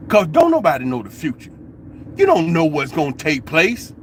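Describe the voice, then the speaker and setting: Animated, slangy male storyteller. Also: fairly high pitch, normal speed, a little hiss or hum. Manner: animated storytelling, colloquial, laughing asides. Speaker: vlogger. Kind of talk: casual opinion monologue.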